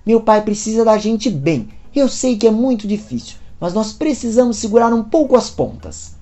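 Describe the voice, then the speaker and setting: Lady voicing a calm daughter reassuring her mom, soft mellow tone. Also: on the high side, normal speed, pitched above the performer's own voice. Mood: soothing. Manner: soothing, reassuring. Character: calm young adult daughter.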